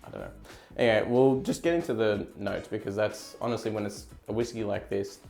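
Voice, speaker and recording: A man's voice: on the low side, a little fast, gravelly, a little mellow, faint music behind. An Australian man giving a casual whiskey review, rambling a little as he searches for words. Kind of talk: casual tasting chat.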